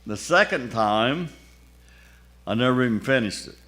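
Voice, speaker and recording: A man's voice: mid-range voice, animated, measured pace, a bit bright. An older man, a pastor, telling a personal testimony in a folksy, colloquial, wry way. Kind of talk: sermon testimony storytelling.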